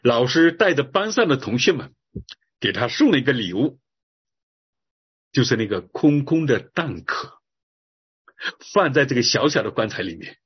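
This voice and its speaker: A man's voice: medium pitch, sing-song, normal speed, pauses often, breathy edge, dull audio. A man preaching a sermon, telling a story earnestly and drawing his phrases out, ending with a prayer. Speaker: pastor.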